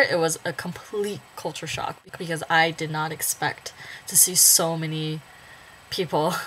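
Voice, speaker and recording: A woman's voice: deep voice, a bit bright, a little hiss or hum, low-quality recording. A woman in her twenties talking casually to camera in a vlog, jokey and full of "like" fillers. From Washington State, USA. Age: 20s. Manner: chatty, jokey, lots of "like" fillers, swings into silly character voices. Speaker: vlogger.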